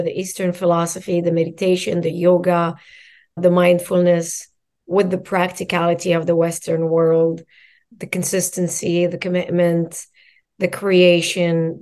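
Reflective woman, slightly low voice. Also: darkish tone. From Morocco. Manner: reflective storytelling, piles up lists of phrases. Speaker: mindset coach, guest. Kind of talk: casual interview conversation.

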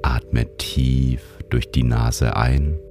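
A man narrates a guided sleep meditation in a soothing, calm manner, like a sleep-story narrator. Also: very deep voice, extremely slow, music in the background. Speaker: meditation guide and show host.

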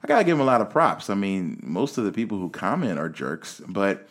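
Animated man in his late thirties. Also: on the low side, brisk. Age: 30s. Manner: animated, laughs often, drops into soft trailing asides. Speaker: podcast host. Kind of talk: casual chat.

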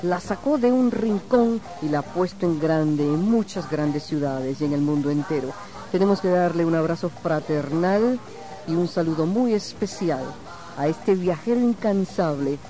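A woman hosts a broadcast interview and speaks of her guest with effusive praise. Her voice has a mellow, warm tone. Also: low-pitched. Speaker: host.

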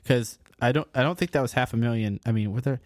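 A man co-hosting a casual podcast, reacting loudly and swearing with amusement as a story is told to him. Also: medium pitch, fast, no room sound, clean studio sound. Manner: animated, laughing, swearing reactions.

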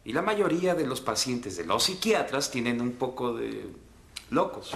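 An actor playing a polite, formal psychiatrist in an old TV sitcom scene. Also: male voice, medium pitch, very animated, moderate pace, gravelly, background noise. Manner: courteous, formal. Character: polite calm psychiatrist doctor. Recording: roomy old TV sound.

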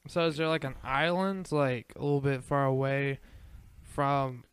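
A man co-hosting a paranormal podcast, chatting casually in a halting way with lots of fillers and repeats. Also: mid-range voice, smooth, dry recording. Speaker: podcast co-host. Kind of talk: casual chat.

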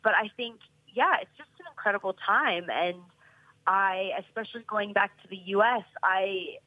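A woman in her thirties, a professional soccer player and native English speaker, talks earnestly as a guest on a casual podcast, rambling and restarting often. Her mid-range voice moves at a normal speed in a dry recording with phone-quality sound.

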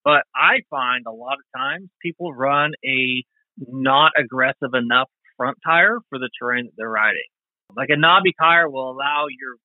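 A man telling lively stories as a podcast guest, acting out what people said, heard over a remote call. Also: no echo. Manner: animated, acts out quotes with pitch jumps. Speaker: podcast guest, motorcycle tire reviewer. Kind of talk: casual storytelling chat. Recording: tinny phone-like line, dry.

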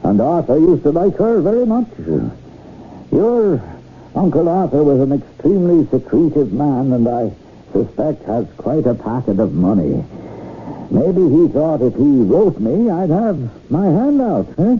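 A man's voice: a little high, very animated, unhurried. An actor playing a wry, suspicious elderly father, emphatic and musing, in an old-time radio mystery. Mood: wry, animated. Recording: muffled noisy old radio recording.

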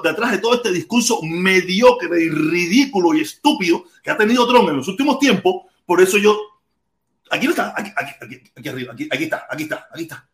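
A Cuban man with a Cuban Spanish accent hosts a live stream, rambling and repeating himself in an animated way. His voice is high and swings widely in pitch, and the recording sounds like it was made in an echoey room. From Cuba. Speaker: livestream host. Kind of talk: casual live-stream commentary.

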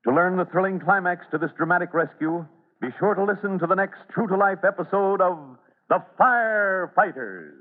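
A man narrates and announces an old-time radio serial in a high voice at normal speed, using an emphatic, theatrical, scripted style. The vintage recording sounds tinny and reverberant.

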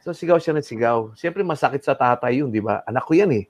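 As a guest in an interview, a middle-aged man quickly relates a story in a mid-range voice, full of energy. He switches between English and Tagalog and performs what others said, with no room sound in the recording.

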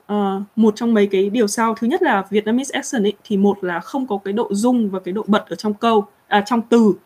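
A young woman hosting a casual live chat, answering viewer questions in a chatty, animated way. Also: mid-range voice, a little fast, husky. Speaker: livestream host.

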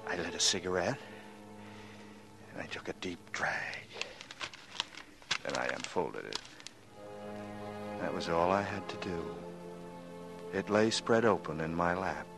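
A brooding killer narrating his own story in an old radio drama. He speaks low and measured, with a quiet menace. Music plays clearly underneath.

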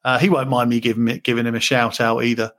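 A man's voice: medium pitch, level tone, fast, a bit bright. A man from the UK talking casually as a property investor guest, chatty with frequent fillers and restarts. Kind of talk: casual interview chat.

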